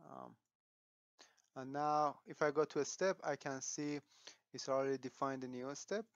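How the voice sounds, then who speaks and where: A smooth-voiced man at a medium pitch explains a piece of software, keeping his intonation fairly even. He thinks out loud, lingering on fillers and rephrasing sentences midway. The audio is dry and a bit dull.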